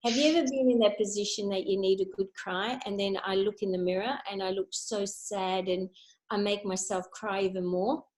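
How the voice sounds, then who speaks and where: A woman's voice: medium pitch, steady tone, moderate pace, darkish tone, reverberant, low-quality recording. An older woman chatting on a video call as a guest, rambling and repeating her words. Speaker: guest speaker. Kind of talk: casual video call chat.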